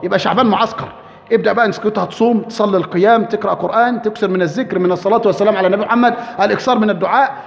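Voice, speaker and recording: Egyptian male preacher, high fast voice, emphatic and repetitive, long hall echo. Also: creaky. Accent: Egyptian Arabic. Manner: emphatic, repeats points, asks the audience rhetorical questions. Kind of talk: sermon.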